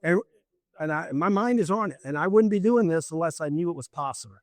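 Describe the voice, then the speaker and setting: A man's voice: a little high, animated, fairly quick, no echo, studio quality. A man running for office, talking in an interview in an emphatic, lecturing way, repeating his points. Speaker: political candidate. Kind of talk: campaign interview.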